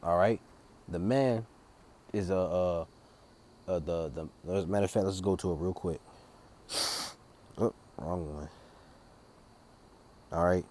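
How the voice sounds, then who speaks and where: A male street preacher reads Bible verses in a low, mellow voice with a slow, solemn cadence. Between passages he drifts into loose, drawling commentary, stumbling over and repeating words, with slight background noise present.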